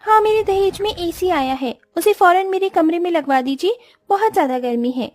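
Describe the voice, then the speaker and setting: A woman's voice: very high-pitched, animated, normal speed, dry recording, soft background music, voice pushed up. A woman voicing a spoiled, selfish rich young bride in a cartoon story, talking in a demanding, scolding way.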